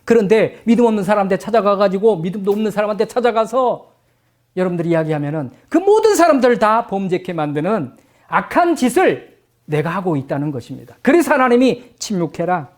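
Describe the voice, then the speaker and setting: A middle-aged male pastor preaching a sermon, animated, acting out quoted voices and then dropping to soft, low tones. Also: quick pace.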